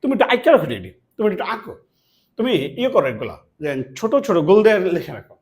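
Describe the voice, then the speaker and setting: This Bangladeshi math teacher races through his classroom lesson in a high voice full of huge pitch swings. He answers his own questions and keeps repeating key words.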